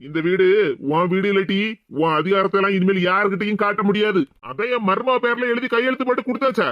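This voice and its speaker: Brief: man doing a gruff cartoon husband, southern Tamil Nadu accent, high for a man, dull dry sound. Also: steady tone, quick pace, no room sound, lightly acted. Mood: commanding. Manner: gruff, commanding. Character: bossy older husband and father-in-law turned stern. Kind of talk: cartoon voice acting.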